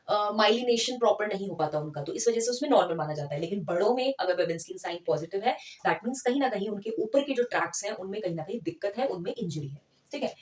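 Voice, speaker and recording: Woman lecturer, chatty teaching tone, mid-pitched, recorded a bit off-mic in a roomy space. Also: darkish tone, far from the mic. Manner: conversational teacher, checks in with listeners. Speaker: physiotherapy lecturer. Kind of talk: explanatory lecture, Hindi mixed with English terms. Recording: echoey room, voice from off the mic.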